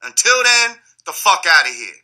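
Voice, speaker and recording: A man with a fairly high, sharply bright voice talks as an interview guest. He is blunt, mocking and profane, giving his opinions casually. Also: very animated, moderate pace.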